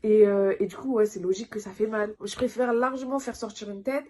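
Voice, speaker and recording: A young adult woman telling a personal story in a casual storytime vlog, animated and full of filler words. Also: mid-range voice, a little fast. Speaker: vlogger.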